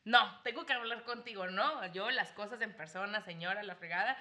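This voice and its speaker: A young Mexican woman telling a story in casual chat, animated, laughing and acting out what people said. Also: mid-range voice, a little fast. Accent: Mexican Spanish.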